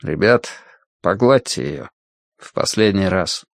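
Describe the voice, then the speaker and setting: A big, kindly grown man in a storybook, speaking low, slow and soothing, as a male narrator voices him. The voice sits deep and close, dry and plain. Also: creaky, no echo, heavily acted. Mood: gentle.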